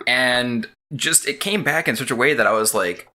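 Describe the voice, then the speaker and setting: A man's voice: medium pitch, normal speed, sharp tone. A man guesting on a casual podcast, talking hesitantly with many ums while he thinks. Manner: hesitant, filler-heavy, thoughtful. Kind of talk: casual chat.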